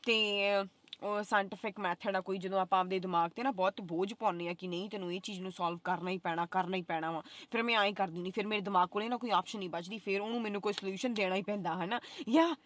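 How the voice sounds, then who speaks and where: A young woman vlogger telling her own story casually, swinging between loud outbursts and quiet asides, with English phrases mixed in. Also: mid-range voice, steady tone, fast, dry recording.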